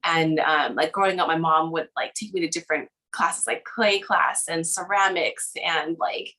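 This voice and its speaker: A young woman with a bright, clear voice, chatting in an easy way as an interview guest. She laughs often and fills her talk with "like" and "um". She grew up in Hawaii and Southern California. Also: fairly low pitch, fairly even intonation, normal speed, low-quality recording. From Hawaii, raised in Southern California. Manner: chatty, giggly, many fillers like "like". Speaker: children's book illustrator, guest. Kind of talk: casual interview chat.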